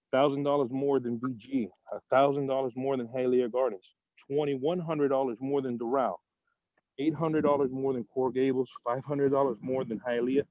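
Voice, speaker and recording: A man's voice: medium pitch, no room sound. A man calling in over a video call line to make a prepared public comment, methodically reciting figure after figure in an earnest tone. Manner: earnest, methodical, lists numbers one after another. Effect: heard over a video call line. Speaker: caller speaking at public comment. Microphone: video call app. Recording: dull lo-fi call audio, dry.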